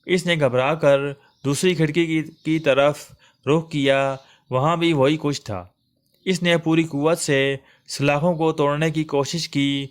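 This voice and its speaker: A man narrates a story in a dramatic, suspenseful way. His voice sits a little higher than most men's. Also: steady tone.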